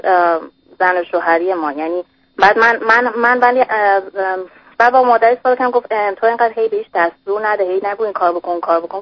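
A woman's voice: medium pitch, no echo. Woman caller, rambling and hesitant, muffled phone line, dry sound. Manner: hesitant, rambling, mixes English words into Persian. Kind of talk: phoning in to an advice radio show. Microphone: telephone.

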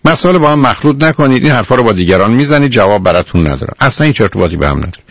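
Male radio counselor, gravelly and dry, sternly lecturing a caller. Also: medium pitch, big pitch swings, fairly bright tone, no room sound. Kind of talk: radio call-in advice.

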